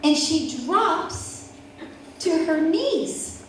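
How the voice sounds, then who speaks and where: A woman in her forties telling a personal story at an event, with vivid, dramatic pauses. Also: very high voice, big pitch swings, a bit bright, slight background noise. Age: 40s. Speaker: event speaker. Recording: echoey hall from far off, faint ambience.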